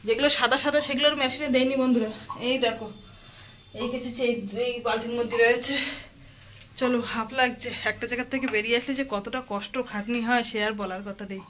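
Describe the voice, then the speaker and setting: A woman's voice: fairly high pitch, steady tone, fast, fairly bright tone. A woman vlogging at home, chatting to her viewers in a running commentary while busy with chores, recorded on a handheld phone as she moves indoors and out. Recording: noisy household ambience.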